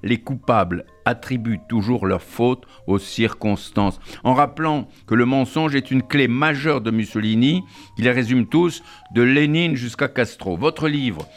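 A man's voice: medium pitch, unhurried, soft background music. A man hosting a radio interview show, formally reading out a long introduction of his guest with some hesitations. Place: radio studio.

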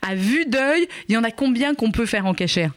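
A radio host hosting a talk show in a studio, interviewing a guest with a teasing, lively manner. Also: mid-range voice, a little fast.

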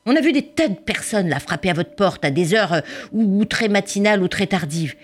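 A woman's voice: mid-range voice, lively intonation, fairly quick, slight background noise, pitched above the performer's own voice, close to an everyday voice. A woman voicing a stern, suspicious male police officer who speaks insistently and accuses. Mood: accusing.

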